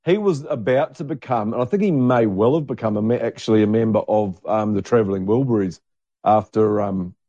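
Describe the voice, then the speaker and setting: Rambling older man, dark voice. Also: lowish voice, no echo, muffled recording. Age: 60s. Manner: rambling, halting, searching for names. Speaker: podcast co-host. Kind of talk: casual chat.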